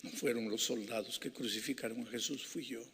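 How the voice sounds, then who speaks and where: A man preaching an evangelistic sermon, shifting between hushed, intimate passages and impassioned, rising climaxes. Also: medium pitch, steady tone, fairly quick, slight background noise. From Peru. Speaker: pastor. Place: large civic center hall. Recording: reverberant civic hall.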